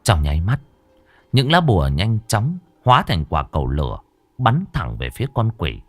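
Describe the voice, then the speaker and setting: A man narrating a ghost story in a dramatic, expressive storytelling manner. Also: sits low, moderate pace, no room sound.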